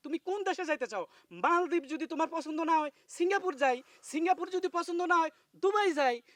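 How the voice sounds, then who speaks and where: A man's voice: very high voice, animated, a bit bright, no room sound, clean studio sound. A man playing a blustering, bossy husband. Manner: blustering, quickly shifting from sweet-talk to bullying. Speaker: husband on an outing with his wife. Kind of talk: comedic TV drama acting.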